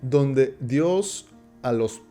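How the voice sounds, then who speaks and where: A man's voice: medium pitch, expressive, very slow, dark tone, faint music behind. A man giving a casual Bible study talk, often repeating words and checking in with listeners by asking "¿sí?". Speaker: Bible teacher.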